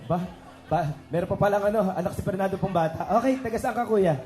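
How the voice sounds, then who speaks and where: Playing magician at a children's party, a man teases the guests and leads cheers over a handheld microphone running through PA speakers at an indoor venue. His voice sits high with a darkish tone and a quick pace as he jokes, banters with the crowd, and coaxes kids and guests. The PA sound is echoey, with party music in the background.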